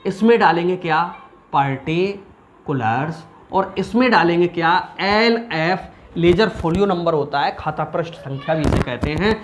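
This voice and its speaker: A man's voice: fairly high pitch, a little hiss or hum. A man teaching commerce in an informal recorded lesson, asking questions and answering them himself. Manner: animated, asks and answers his own questions.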